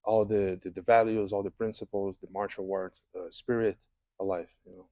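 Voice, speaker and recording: Halting man, low mellow voice. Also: little pitch movement, dry recording, highs cut off. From Brazil. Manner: halting, many restarts and fillers, non-native English. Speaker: jiu-jitsu head instructor, guest. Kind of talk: interview answers. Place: podcast studio.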